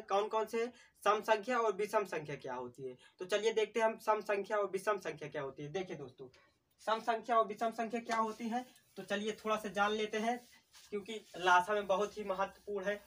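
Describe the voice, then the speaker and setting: A man's voice: high voice, fairly bright tone, far from the mic. A man teaching math as in a classroom, asking questions and answering them himself, repeating key terms and calling his viewers friends. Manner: addresses viewers as friends again and again. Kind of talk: classroom-style lesson at a board.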